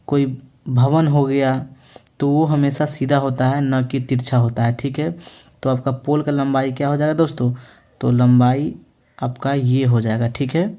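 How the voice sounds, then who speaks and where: A male maths teacher explaining a lesson to students, asking them questions and answering them himself, often checking in with "okay" as he writes out words slowly. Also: mid-range voice, dark tone. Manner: ends phrases with a reassuring check-in. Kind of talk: classroom-style lesson.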